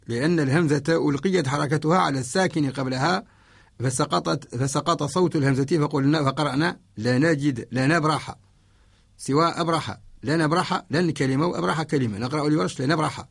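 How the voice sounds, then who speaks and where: Male teacher, dry close sound, methodical radio lesson with slow, drawn-out examples. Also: on the high side, vocal fry, dry recording. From Mauritania. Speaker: Quran orthography teacher. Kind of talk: radio lesson explaining a verse poem. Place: radio studio.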